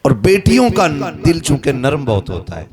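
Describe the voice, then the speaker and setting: A man's voice: on the high side, wildly swooping pitch, moderate pace. A man with a western Uttar Pradesh accent preaching a sermon at a village gathering, teasing the listeners with humour and strong emphasis. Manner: humorous, teasing the audience, rising and falling emphasis. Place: crowded gathering. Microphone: microphone on a stand. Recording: crowd noise behind.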